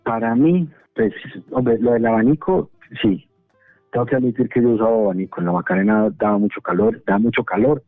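A man's voice: medium pitch, fairly quick, faint music behind. A Colombian man with a Colombian Spanish accent, chatting and joking as a panelist on a radio discussion. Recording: dry phone-like radio line.

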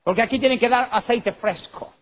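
A man doing a severe old preacher, high and insistent. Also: moderate pace. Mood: insistent, admonishing. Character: stern old male pastor, demanding and severe. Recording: tinny lo-fi recording with faint noise.

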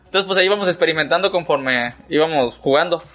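A man's voice: fairly high pitch, fast, bright, forceful tone. A man with a Mexican Spanish accent, co-hosting a casual chat and telling a story animatedly, swearing and laughing along the way. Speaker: podcast co-host. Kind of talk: casual chat among friends.

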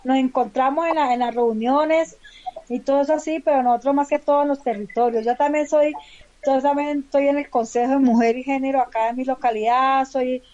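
A woman with a Colombian accent from Valle del Cauca talks casually as an interview guest, halting and often repeating or correcting her words. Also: sits high, fairly even intonation, darkish tone. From Palmira, Valle del Cauca, Colombia. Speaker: community leader, interview guest. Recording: dull lo-fi remote call.

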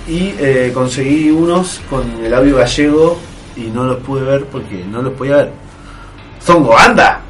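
A young Argentine man with an Argentine Spanish accent hosts a radio talk show, his medium-pitched, slightly mellow voice moving at a moderate pace. He banters casually and jokingly, putting on mock voices and accents between stories, with faint music playing behind him.

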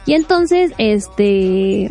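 A woman casually recapping a webtoon plot, animated and full of fillers. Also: medium pitch, drawn-out words, faint music behind. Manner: animated, acts out quotes, fills with este.

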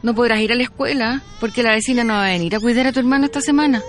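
An actress playing a weary, impatient mother in a radio charity spot, insistent and brisk with her child. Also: on the high side, music in the background, close to an everyday voice.

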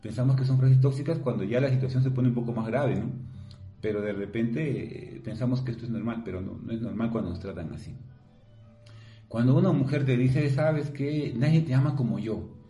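A man's voice: medium pitch, brisk, dark tone, reverberant, faint music behind. A man with a Peruvian Spanish accent, a psychologist giving a conversational monologue for a video column, often ending phrases with a questioning tag. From Peru.

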